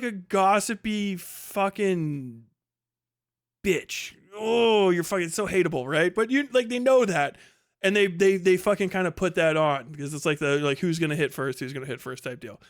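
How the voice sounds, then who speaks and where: Hosting a livestream, a man with a high voice delivers a casual, opinionated rant at normal speed. As commentator he's blunt, scornful and profane.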